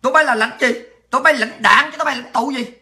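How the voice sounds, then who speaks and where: A woman rants to her livestream audience in a very high, sharp and cutting voice. She is furious throughout, hurling insults and often shouting. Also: fast. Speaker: political livestream host. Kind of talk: angry political rant.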